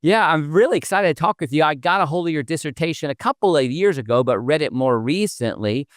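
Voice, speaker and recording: A man's voice: on the high side, lively intonation, fast, no echo, clean studio sound. Upbeat man hosting a podcast. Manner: upbeat, promotional. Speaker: podcast host. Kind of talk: podcast interview.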